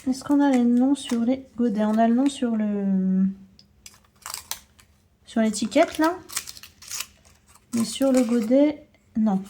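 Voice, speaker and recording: A fairly high-voiced young woman talks unhurriedly through a creative vlog. She narrates each step as she unboxes and tries out paints, dropping small asides to her viewers. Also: slow pace, long pauses, mellow, a little hiss or hum. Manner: chatty, narrates her own hands-on work with little asides. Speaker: art vlogger. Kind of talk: casual chat while unboxing and swatching paints.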